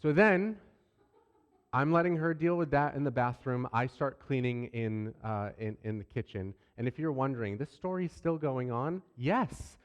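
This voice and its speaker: A man in his thirties, a pastor, telling a family story from the pulpit with lively, self-deprecating humor. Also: mid-range voice, normal speed, clear, resonant tone, muffled recording. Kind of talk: sermon storytelling. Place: church sanctuary. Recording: long church hall reverb.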